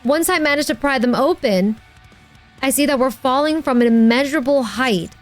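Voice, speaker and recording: A woman streaming a game playthrough in a cute, excitable anime-streamer manner, reading the story aloud and chatting with viewers. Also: high voice, normal speed, soft background music. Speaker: VTuber streamer and voice actor.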